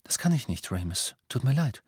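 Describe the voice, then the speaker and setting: Audiobook figure: a blunt young wizard, firm and direct, as a male reader puts him on. Slightly raised pitch, dry. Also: sing-song, normal speed, darkish tone, breathy edge, dry recording. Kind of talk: audiobook character reading.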